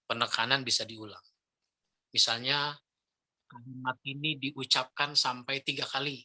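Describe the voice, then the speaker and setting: Bright-voiced man teaching preachers. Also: medium pitch, unhurried. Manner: lively, demonstrates intonation with examples. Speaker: Islamic preacher trainer. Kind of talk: lecture on preaching technique.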